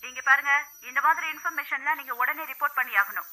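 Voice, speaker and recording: An actress playing a brisk, official woman police dispatcher, heard over a police radio. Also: high-pitched, bright, forceful tone, poor audio. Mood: firm. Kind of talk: dubbed film dialogue.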